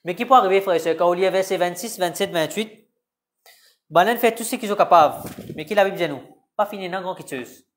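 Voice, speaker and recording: A man's voice: high voice, brisk. Man preaching. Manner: preaching with repeated calls of "Gloire à Dieu" and "Amen". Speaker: pastor. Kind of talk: sermon.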